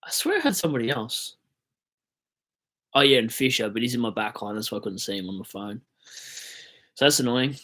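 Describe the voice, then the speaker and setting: Aussie bloke on a livestream, casual chat, swears a bit, mock rants, mid pitch voice. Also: male voice, very animated, brisk, pauses often, pushed and bright. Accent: Australian. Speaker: fantasy football livestream host.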